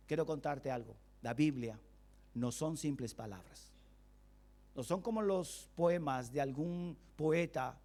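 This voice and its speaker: A man's voice: on the high side, a little mellow. A male pastor preaching a Sunday sermon, asking the congregation questions and acting out everyday excuses in quoted voices. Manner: preaching with rhetorical questions and call-and-response.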